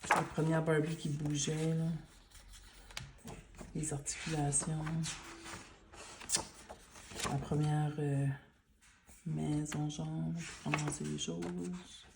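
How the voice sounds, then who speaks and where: A woman with a Quebec French accent, speaking in a hushed library-like murmur in soft-spoken ASMR style and mixing in English words. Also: low-pitched, level tone, slow, creaky, pauses often, noisy background. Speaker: ASMR creator.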